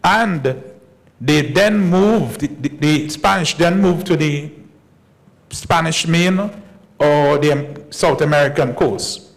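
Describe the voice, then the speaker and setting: A man, a historian giving a measured conference lecture and repeating key points slowly for emphasis. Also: fairly high pitch, gravelly, rough recording. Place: conference hall.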